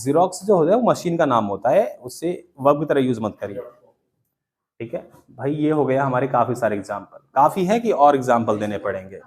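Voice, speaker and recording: A man's voice: medium pitch, very animated, moderate pace. A middle-aged man with an Indian accent teaching English in a class, chatty and scolding with jokes. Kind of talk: classroom lecture.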